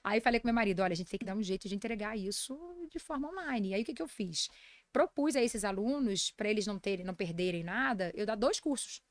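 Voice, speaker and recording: In a casual podcast interview, a nutritionist and lecturer in her forties tells stories quickly and with animation, speaking with a Brazilian Portuguese accent. Her voice is mid-range, with no room sound.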